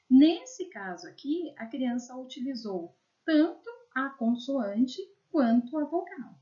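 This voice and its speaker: A woman with a Brazilian Portuguese accent who works as an educational psychologist gives a video lesson, explaining slides and sounding out words slowly syllable by syllable. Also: fairly high pitch, a little mellow, muffled recording.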